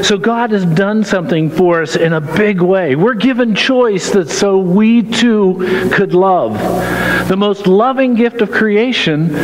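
Middle-aged preacher in an echoey sanctuary. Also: male voice, fairly high pitch. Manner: conversational, asks the congregation questions. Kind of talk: sermon. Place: large church sanctuary with stage. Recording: echoey hall with noise.

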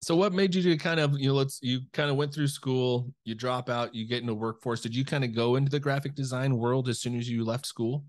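A middle-aged man hosts a podcast interview over a video call from a room at home, using a studio mic with a headset. His mid-range voice holds a steady tone and moves fairly quickly with hardly any pauses. He sounds upbeat and friendly as he asks loose, rambling questions.

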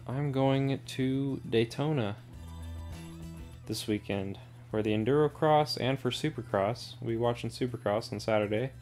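Brief: casual male gaming creator, mid-pitched, rambling and wry, faint music behind. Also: darkish tone. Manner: rambling, dry sarcastic asides. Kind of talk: casual gameplay commentary.

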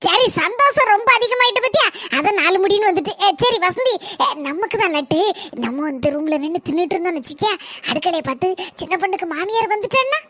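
Brash, greedy village wife. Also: female voice, extremely high pitch, animated, bright, forceful tone, dry recording, full character voice. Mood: gleeful. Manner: brash, scolding, quick retorts. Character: gluttonous village wife, bossy, food-obsessed. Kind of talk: animated village comedy.

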